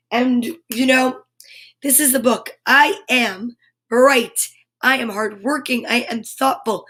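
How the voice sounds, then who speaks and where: A woman's voice: fairly high pitch, a bit bright. Upbeat woman hosting story time. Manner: upbeat, encouraging, affirmations. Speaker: children's story time host. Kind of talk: live-streamed casual pep talk.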